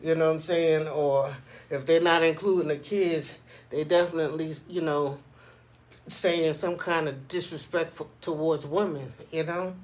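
A man's voice: a little high, steady tone, normal speed. A man vlogger giving a casual opinion monologue in a conversational way, often checking in with the listener. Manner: conversational, frequently checking in with "you know what I'm saying".

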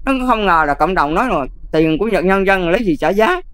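An older Buddhist nun with a Southern Vietnamese accent, talking casually and emphatically, often checking whether the listener follows. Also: female voice, on the low side, animated, fast, fairly bright tone, no echo. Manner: emphatic, keeps checking "see?". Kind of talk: casual advice talk.

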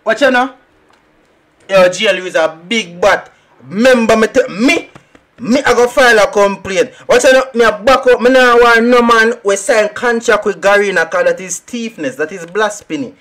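A young Jamaican man streaming a shooter game, talking through it in excitable, rambling trash talk. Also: high-pitched, moderate pace. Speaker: gaming streamer. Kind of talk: live gameplay commentary.

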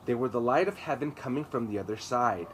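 Reading a children's story with dramatic emphasis, a thirtysomething man sits out on a garden patio. He speaks briskly and expressively at a medium pitch, and the surrounding ambient sound comes through clearly.

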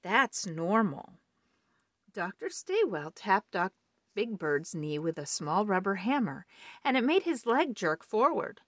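A woman reading a children's picture book aloud, warm and expressive. Her pitch rises and falls in lively curves at a middle register, and the recording is dry and close. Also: a little slow, no echo. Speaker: storybook reader.

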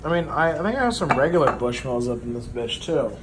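Talking fast with lively intonation at a medium pitch, a young man who sounds drunk swears his way through a loose cooking chat at home. The noisy handheld phone audio picks up pans and cutlery clattering around his kitchen.

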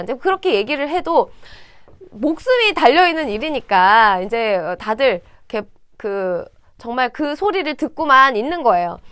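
A woman retells a Bible story in a lively, chatty way, filling her sentences with small fillers. Her voice is high and bright. The sound is dry and close. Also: smooth, dry recording. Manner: lively, conversational, many filler words.

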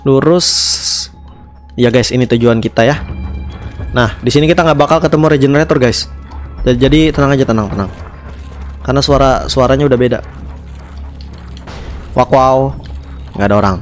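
Young male Indonesian game streamer, mid-pitched, chatty and repetitive, headset mic, music underneath. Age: young adult. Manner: chatty, repeats words in quick strings. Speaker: gaming streamer. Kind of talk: casual gameplay commentary. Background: video game music.

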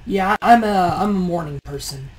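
Tired woman, low-ish morning voice, exasperated gameplay commentator, push-to-talk mic. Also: moderate pace, a little mellow, a little hiss or hum, poor audio. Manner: grumbling, exasperated, chatty. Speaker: let's play host.

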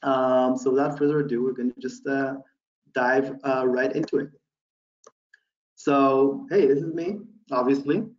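A man in his thirties from Houston, Texas, USA gives a relaxed, casual online presentation from a small room, thinking aloud with many ums and uhs. His medium-pitched voice is a little slow, captured on a laptop webcam mic over a video call that sounds roomy, distant and dull.

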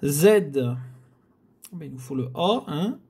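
Man, scratch-card vlogger, unhurried, very expressive pitch, talks straight to viewers. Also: gravelly, slightly rough. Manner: chatty, addresses viewers, frequent sighs and groans at bad luck. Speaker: scratch-card video host. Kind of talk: casual commentary while scratching tickets.

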